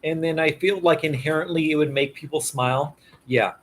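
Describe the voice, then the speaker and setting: A man hosting a casual live stream, rambling through upbeat shout-outs to his viewers. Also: on the high side, moderate pace. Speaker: livestream host. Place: roadside station, partly outdoors. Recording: roomy, distant, noisy live stream.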